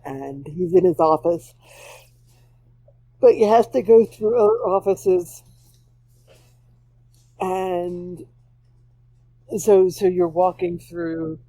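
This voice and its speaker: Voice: mid-range voice, warm tone, rough recording. A speaker chatting casually beside a gamer, telling a meandering story. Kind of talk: casual chat.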